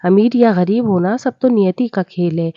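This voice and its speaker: A woman's voice: mid-range voice, normal speed, no echo, highs cut off, natural voice. A woman voicing a kind, wise fairy. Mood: consoling. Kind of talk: storybook voice acting.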